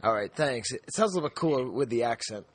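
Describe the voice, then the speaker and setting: A man's voice: medium pitch, expressive, quick pace, slightly rough, dry recording. A man hosting a podcast, talking in a friendly, jokey way with lots of restarts. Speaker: podcast host. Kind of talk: casual podcast chat.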